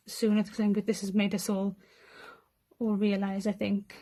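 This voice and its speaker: A woman's voice: mid-range voice, monotone, a little slow, dark tone. A woman poet with a Rhondda accent from the South Wales Valleys, reading poems and chatting between them in an understated, self-deprecating way. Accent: Welsh Valleys (Rhondda). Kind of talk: poetry reading with informal asides.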